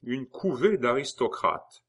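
A blustering male revolutionary informer, as a man reads him aloud in a storybook, eager to please and quick to boast. His voice sits at an ordinary middle pitch, pushed up louder when he insists. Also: animated, slightly rough, heavily acted. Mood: sly.

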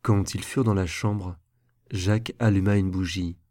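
A man narrating a classic novel as an audiobook, with a measured, even reading. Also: low-pitched, dry recording, clean studio sound. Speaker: reader.

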